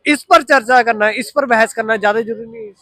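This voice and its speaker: A man with a fairly high, bright voice, asking pointed questions as an interviewer. He probes hard but trips over words now and then. The sound is dry and close. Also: brisk, dry recording.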